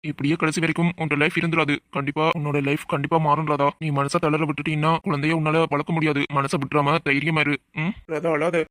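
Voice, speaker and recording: A man voicing a caring young friend who gently urges a widow to move on. His voice is bright and fairly high, with a flat, quick delivery. The recording is dry. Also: no room sound, close to an everyday voice. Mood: comforting. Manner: earnest, coaxing. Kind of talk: audio drama acting.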